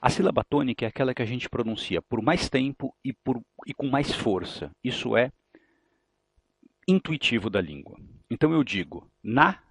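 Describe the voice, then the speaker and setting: Speaking at a normal speed in an animated, mid-range voice with a breathy edge, a Brazilian Portuguese-accented man patiently explains grammar for exam preparation. He asks rhetorical questions and goes over key points again, and there's no echo.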